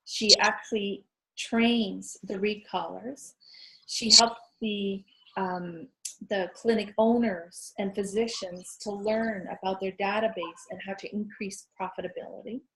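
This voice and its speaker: A woman's voice: medium pitch, fairly even intonation, measured pace, a bit bright, poor audio. A woman life coach hosting an online interview, upbeat and affirming as she introduces her guest and signs off.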